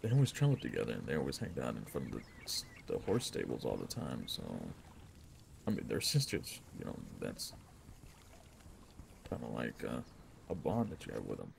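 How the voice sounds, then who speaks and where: Gravelly, lively man in role-play. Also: a bass voice, moderate pace, slight background noise. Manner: mischievous, needling. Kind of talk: in-character role-play chat.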